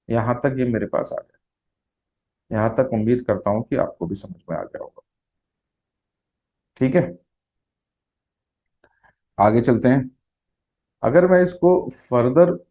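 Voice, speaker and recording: A man teaches a math lesson at an unhurried pace, working through each step aloud and answering his own questions. His voice sits at a middle pitch. The recording sounds dull and lo-fi. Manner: slow, step-by-step explaining, mixing Hindi with English math terms; asks questions and answers them himself. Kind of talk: classroom lecture at a whiteboard.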